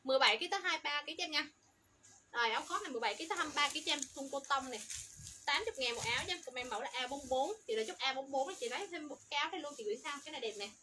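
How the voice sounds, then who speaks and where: Rapid-fire high-voiced woman seller. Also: noisy background. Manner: rattles off product codes and sizes, upbeat selling. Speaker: livestream clothing seller. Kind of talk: fast livestream sales pitch.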